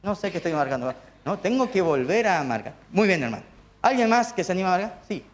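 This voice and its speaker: High-voiced Argentine man counting beats. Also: very animated, fast talker. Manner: counts beats aloud, coaching students. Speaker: music instructor. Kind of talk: hands-on conducting lesson. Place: church hall during a live-streamed course.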